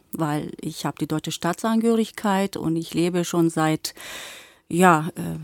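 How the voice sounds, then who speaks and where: A woman's voice: lowish voice, darkish tone, no room sound. A woman in her forties, born in Bulgaria with Turkish as her first language, speaking earnestly as a teacher and guest on a talk show. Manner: earnest, fluent with some hesitations.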